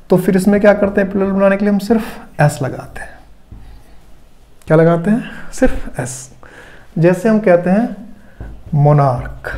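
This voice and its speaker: A man's voice: sits high, warm tone. A man with an Indian accent teaching English grammar, explaining each rule step by step and asking and answering his own questions. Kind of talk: classroom lecture.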